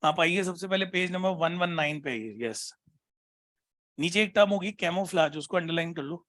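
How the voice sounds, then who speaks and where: A man teaching a biology class, constantly prompting his students with questions and reading textbook lines slowly. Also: on the high side, fairly bright tone. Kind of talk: classroom lecture.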